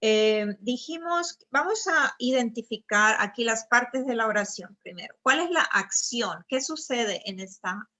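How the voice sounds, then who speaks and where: Lady walking through a grammar lesson, slow and patient, bright clear tone. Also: mid-range voice. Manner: patient, explanatory, often checks with "¿verdad?". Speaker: Spanish teacher. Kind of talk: grammar lesson over slides.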